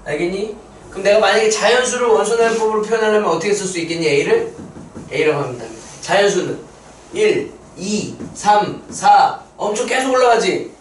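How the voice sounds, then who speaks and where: High-voiced male math teacher in echoey room. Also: a little fast, slight background noise. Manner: explains step by step, quizzing students with questions. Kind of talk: whiteboard math lecture. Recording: roomy echo, mic set far off.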